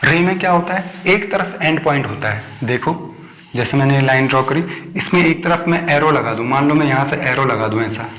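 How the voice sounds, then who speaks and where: A male maths teacher explains ideas at a board in a mid-pitched voice. He is patient and repeats himself, often asking whether the point is clear. The sound rings in an echoey room. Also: expressive, fairly quick, fairly bright tone. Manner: patient, repeats points and checks understanding with the class. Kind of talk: whiteboard maths lesson for children. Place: classroom at a board.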